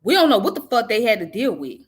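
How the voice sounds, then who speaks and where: A woman's voice: a little high, very animated, quick pace. A woman who grew up in the American South, giving blunt, profane, conversational commentary on her own channel. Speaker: channel host. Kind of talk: casual commentary vlog.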